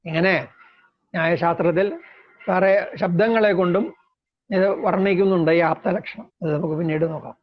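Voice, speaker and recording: High-voiced man giving a slow lecture. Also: fairly even intonation. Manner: slow, measured, explains terms step by step. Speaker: lecturer on Indian logic. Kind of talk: deliberate philosophy lecture. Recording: dull lo-fi recording.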